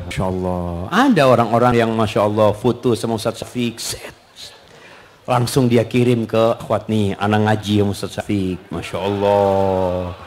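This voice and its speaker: A man's voice: mid-range voice, a little hiss or hum. A man preaching in a question-and-answer lecture, joking with the audience and acting out scenes between husbands and wives. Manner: lively, acts out husband-and-wife exchanges; jokes with the audience. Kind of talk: Islamic Q&A lecture.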